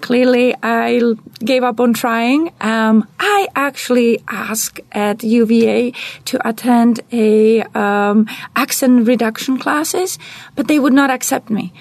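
A woman's voice: a little high, slow, gravelly, no echo. A middle-aged woman from the Czech Republic with a Czech accent, answering interview questions with enthusiasm in long, flowing answers. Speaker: guest, director of global programs. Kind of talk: podcast interview.

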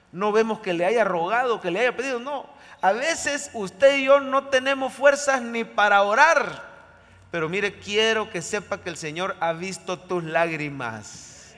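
A man's voice: sits high, bright, forceful tone. A man preaching an emphatic live sermon as pastor, leading the congregation to repeat phrases after him. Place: church service, recorded live. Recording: long church hall reverb.

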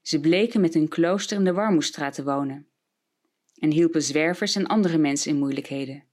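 A woman's voice: low-pitched, moderate pace, a little mellow. A woman from the Netherlands sharing a personal story as a reflection on a Bible passage, in a conversational way.

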